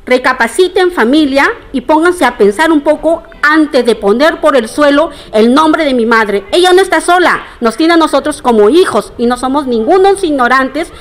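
A woman's voice: high voice, animated, moderate pace, few pauses. A middle-aged woman making an indignant, formal public statement, addressing her townspeople directly. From Peru. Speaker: interviewee.

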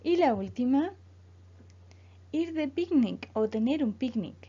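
A woman from Chile, an English teacher speaking slowly and clearly as she leads a school lesson. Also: high voice, expressive, warm tone. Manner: slow, clear teacher delivery, repeating words for students. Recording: dull lo-fi voice recording.

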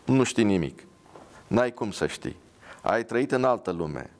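A man's voice: lowish voice, lively intonation. A man voicing a pious, blunt young woman dressed as a nurse, with an earnest, scolding manner.

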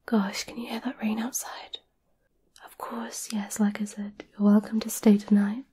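A woman doing a whispered role-play as a gentle, caring witch, soothing and a little hesitant, close to the microphone. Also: medium pitch, flat delivery, measured pace, a little hiss or hum. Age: 20s. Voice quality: breathy whisper. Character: gentle, caring centuries-old witch offering potions. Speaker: ASMR performer. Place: small candlelit indoor room.

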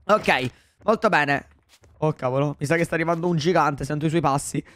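A young man commenting on a video game for his viewers, excitable and full of exclamations. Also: a little high, brisk. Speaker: gaming YouTuber. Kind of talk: Let's Play commentary.

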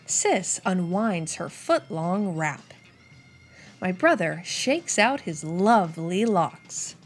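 Reading a picture book aloud for young children, a young woman storytime host speaks in a lowish voice with soft music behind her. She's expressive and animated yet deliberate in her delivery.

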